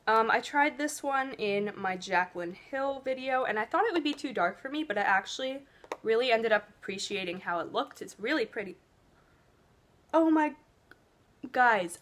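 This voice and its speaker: A teenage girl chatting casually while doing her makeup, giving earnest cheer tryout advice with lots of fillers. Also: on the high side. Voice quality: loud voice. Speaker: beauty vlogger. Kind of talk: casual get-ready-with-me chat.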